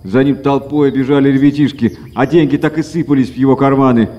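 A man reading a fairy tale aloud as a storyteller, lively and acted out. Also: medium pitch, fairly quick, highs cut off. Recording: echoey reverberant room.

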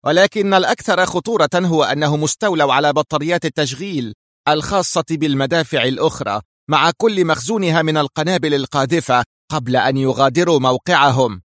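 A man voicing a cold, sharp-tongued female agent who speaks with stern, cutting precision. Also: medium pitch, animated, fairly quick, no echo, clean studio sound, close to an everyday voice. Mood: icy stern.

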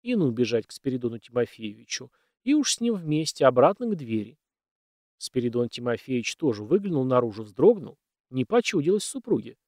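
A man narrating a story in an expressive, folksy storytelling manner. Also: mid-range voice, a little fast, no room sound, studio quality.

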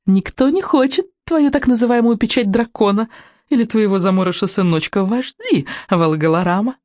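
A woman voicing a gloating, hoarse old witch in a storybook reading, mocking in manner. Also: on the high side, expressive, normal speed, a little mellow, no echo, studio quality, pitched above the performer's own voice, natural voice.

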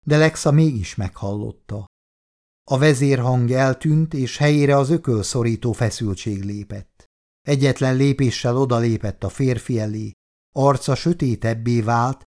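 Brief: male audiobook narrator, measured, dramatic delivery. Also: medium pitch, a little mellow.

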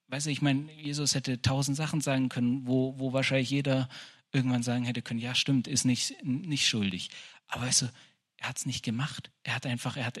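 A man preaching in a loose, conversational way, with many restarts and little asides. His voice sits at a middle pitch and has a husky, breathy grain. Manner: conversational, repeats "weißt du", restarts often. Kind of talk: informal sermon.

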